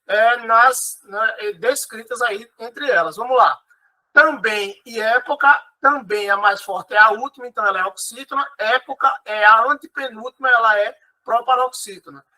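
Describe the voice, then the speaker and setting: A man's voice: very high-pitched, sharp tone, poor audio. A Brazilian man teaching an online exam-prep lesson. He explains patiently, repeats key words and keeps checking in with his students.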